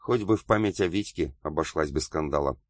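A man's voice: rumbling low, fairly quick, dry recording, clean studio sound. A man reading as a sardonic, ironic grown son. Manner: ironic, pensive.

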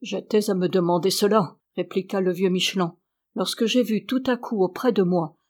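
A woman's voice: mid-range voice, steady tone, moderate pace, darkish tone. Woman reading a novel aloud. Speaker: narrator.

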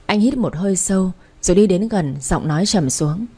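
A woman's voice: fairly low pitch, lively intonation, normal speed, dark tone, breathy edge. A woman narrating a first-person audio story in an emotional, dramatic way.

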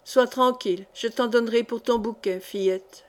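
Woman reading an old witchy miller lady reading palms, bossy and solemn, voice on the high side. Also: fairly even intonation, normal speed, lightly acted. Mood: brusque. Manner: commanding, solemn. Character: mysterious old female fortune-telling miller.

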